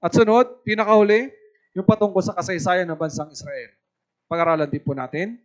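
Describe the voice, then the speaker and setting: A man from the Philippines preaching at a youth camp as an evangelist, lively and often asking his listeners for agreement. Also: high voice, fairly quick. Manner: lively, asks the audience "tama po ba" often.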